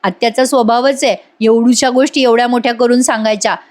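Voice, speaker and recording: A woman's voice: a little high, steady tone, fairly quick, a little mellow, natural voice. A woman reading an irritated young man.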